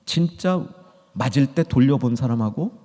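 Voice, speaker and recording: A middle-aged pastor delivering a sermon, moving from quiet storytelling to emphatic, high exhortation. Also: male voice, lively intonation, moderate pace. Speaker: senior pastor. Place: church sanctuary. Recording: long church reverb.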